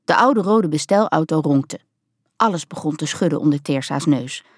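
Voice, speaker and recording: Low-voiced woman reading a story. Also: animated, moderate pace, no room sound, studio quality. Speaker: audiobook narrator. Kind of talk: scripted storybook narration.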